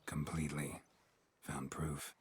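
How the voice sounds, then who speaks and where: An actor voicing a stoic middle-aged monster hunter in a video game, gravelly and hushed, with terse, understated delivery. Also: male voice, very deep voice, level tone, slow.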